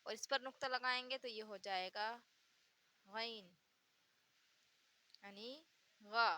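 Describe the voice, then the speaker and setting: Speaking slowly with fairly even intonation, a woman in a bright, pushed, slightly high voice goes through the Urdu alphabet. She patiently says each letter's sound again and again and gives words as examples, one letter at a time.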